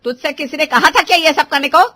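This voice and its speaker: A woman voicing a stern older mother-in-law in a cartoon who is quick to scold. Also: lively intonation, fairly bright tone, no echo. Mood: angry. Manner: scolding, shrill when angry. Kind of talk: cartoon voice acting.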